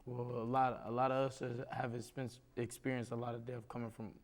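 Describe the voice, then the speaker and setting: Young man from East Oakland, gravelly, flat delivery, searching for words. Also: medium pitch. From East Oakland, California. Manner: halting, searching for words, many "like" fillers. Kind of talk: candid group discussion.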